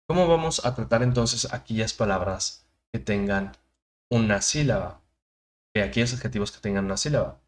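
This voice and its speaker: A man teaching an English grammar lesson, explaining rules step by step and drawing out his example sentences slowly, switching between languages. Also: lowish voice, a bit bright. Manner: slow, deliberate, drawn-out English example sentences.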